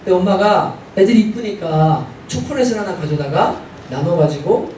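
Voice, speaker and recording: A male pastor preaching a sermon, telling a family story and then rising into fervent, loud preaching. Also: sits high, expressive, normal speed, a little hiss or hum. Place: church sanctuary. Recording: very echoey hall from far off.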